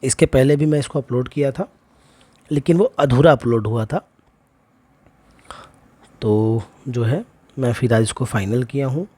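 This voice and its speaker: A man's voice: mid-range voice, measured pace, pauses often, warm tone, breathy edge. A man teaching homeopathy, going through a chart and listing remedy names one after another with frequent check-ins. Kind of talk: lecture walking through a chart.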